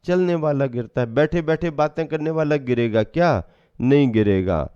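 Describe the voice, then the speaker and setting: A man giving a sermon as a Jain monk, preaching slowly and measuredly, asking rhetorical questions and answering them himself. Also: mid-range voice, animated, mellow, clear, resonant tone, no room sound, lo-fi sound.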